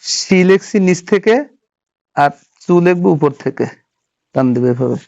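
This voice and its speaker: A man's voice: fairly high pitch, lively intonation, a little slow, creaky, a little mellow. A man teaching a Japanese writing class, patiently walking through each stroke step by step and checking that students follow. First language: Bengali. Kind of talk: classroom lesson. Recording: dull lo-fi sound.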